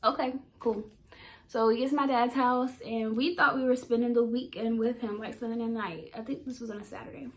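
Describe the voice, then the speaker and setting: Higher-voiced young woman telling a heartfelt story. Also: fairly even intonation, fairly quick. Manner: casual, heartfelt, emotional retelling. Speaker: vlogger. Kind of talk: personal storytelling to camera.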